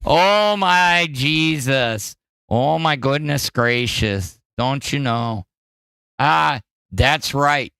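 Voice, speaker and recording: A man hosting a podcast in casual, profane commentary, animated and jumping between loud outbursts and mumbles. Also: medium pitch, extremely slow, creaky, clean tone, no room sound. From Wisconsin. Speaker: podcast host. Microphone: studio mic in front of green screen.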